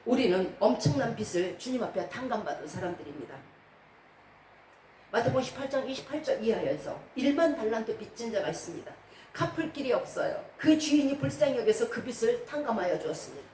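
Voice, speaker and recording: This woman preacher sounds fairly high yet dark in tone, brisk and lively in her intonation. In a church hall mid-service, she delivers a didactic sermon full of rhetorical questions for the congregation. Echo, a far-off mic, and background noise mark the recording.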